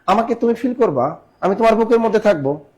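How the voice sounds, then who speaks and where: A man teaching a live online exam-prep class, quizzing students and repeating questions while urging quick answers. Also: sits high, lively intonation, darkish tone, husky, lo-fi sound.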